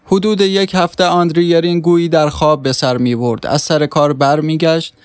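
A male narrator reading a short story aloud with steady pacing, his voice a little higher than usual. The recording is dry and close. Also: clean tone, dry recording. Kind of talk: scripted audiobook narration.

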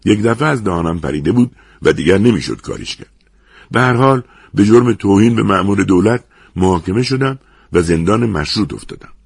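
A man narrating a first-person story in a lively, dramatic way. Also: on the low side, vocal fry, slightly rough, no room sound, studio quality.

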